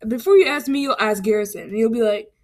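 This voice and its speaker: A woman's voice: on the high side, fast, a little mellow. Teen girl podcast host, rambling. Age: teens. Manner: protesting, laughing, rambling. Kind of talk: casual chat.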